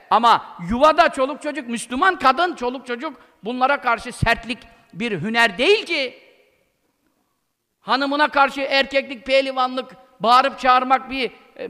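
Man, preacher, informal religious talk, emphatic and scolding, very animated pitch, long echoing hall. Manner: emphatic and scolding, with blunt colloquial outbursts.

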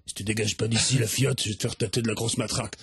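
A man's voice: lowish voice, steady tone, fast talker, voice pushed down, natural voice. A man voicing a curt, threatening male security guard who growls his orders. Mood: menacing.

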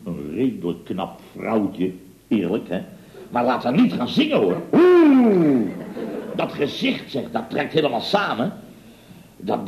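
An actor in a 1960s radio comedy plays a pompous, boastful middle-aged boss of a building firm, rambling through his stories. His mid-range voice has a darkish tone, and the audio is poor with a roomy sound.

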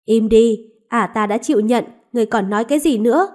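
Woman reads a ruthless young prince, harsh, loud and commanding. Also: fairly high pitch, fairly quick, natural voice. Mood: furious. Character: cruel arrogant young prince, a man.

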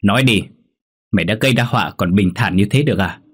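A man voicing a stern, quick-tempered wealthy old landlord who scolds and makes demands. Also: on the low side, breathy edge. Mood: furious.

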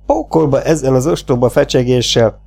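Guy reading as a fed-up shouty sheriff in an audiobook, gravelly, voice swings up and down a lot. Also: medium pitch, animated, faint music behind. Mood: furious. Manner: blustering, loud and exasperated. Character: angry, humiliated middle-aged male town sheriff.

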